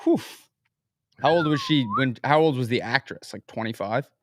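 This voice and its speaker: A young man hosting a casual chat, relaxed and easily amused, with lots of fillers. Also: mid-range voice, normal speed, noisy background. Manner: laid-back, laughs easily, lots of fillers. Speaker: host.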